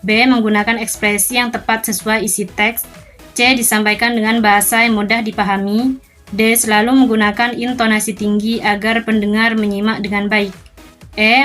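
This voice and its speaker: A woman's voice: medium pitch, normal speed, faint music behind. Woman reading exam questions aloud. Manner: steady, methodical dictation of options and answers.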